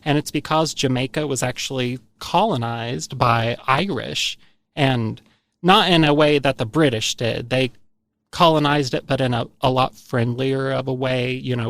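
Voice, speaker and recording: A man's voice: mid-range voice, gravelly, a bit bright, no room sound. A man with an Appalachian accent, hosting a podcast in an enthusiastic, chatty storytelling manner. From United States. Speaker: podcast host. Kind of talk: casual podcast chat.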